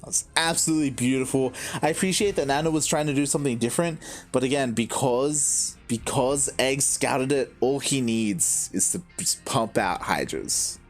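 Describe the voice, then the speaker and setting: A man's voice: mid-range voice, normal speed, few pauses, soft background music. A man working as an esports commentator, bantering casually with a co-caster.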